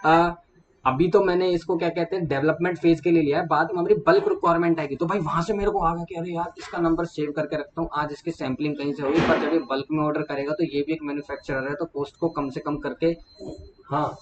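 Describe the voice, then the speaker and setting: A man's voice: a little high, steady tone, quick pace. Brief Man, slightly raised voice, chatty vlog storytelling, dull recording with faint hum. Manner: chatty, retells client calls, addresses viewers as brother. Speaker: small manufacturer sharing business lessons.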